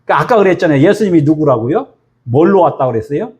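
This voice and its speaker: A man's voice: on the high side, lively intonation, fast talker, darkish tone, muffled recording. A male pastor giving a sermon, firing rhetorical questions at the congregation.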